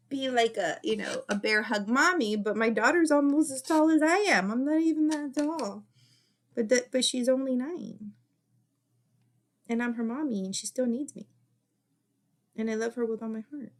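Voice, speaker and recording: Middle-aged woman ex child therapist talking feelings, earnest, repeats herself, goes soft and whispery a lot. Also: on the high side. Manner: repetitive, earnest, often drops to a soft whisper. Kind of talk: casual advice talk to camera.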